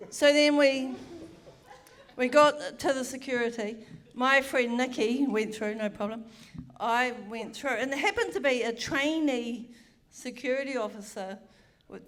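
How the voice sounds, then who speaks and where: A middle-aged woman telling a comic story on a theatre stage, frank, bawdy and self-mocking, with chatty asides. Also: fairly high pitch.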